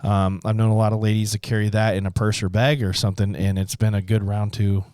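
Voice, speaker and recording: A man co-hosting a podcast in casual chat, explaining things to listeners in a relaxed, rambling way. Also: on the low side, fast talker, clear, resonant tone, no echo, clean studio sound. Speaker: podcast co-host, gun shop staff.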